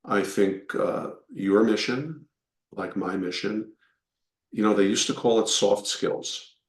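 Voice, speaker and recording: A man's voice: fairly low pitch, slow, reverberant. A man, a dentist guest, chatting casually on a podcast, reflective with dry jokes. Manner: reflective, joking, slightly salty.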